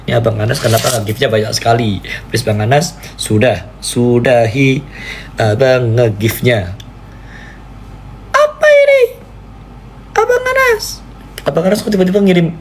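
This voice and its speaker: A man preaching and chatting on a live stream, playfully pleading and jumping into squeaky high cries, with a faint hiss behind him. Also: vocal fry. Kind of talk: casual live-stream chat.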